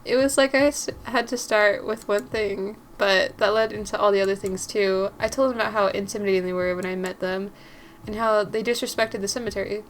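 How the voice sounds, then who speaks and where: A woman's voice: medium pitch, slight background noise. A woman streamer reading a visual novel aloud in a chatty way. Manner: chatty, laughs between lines.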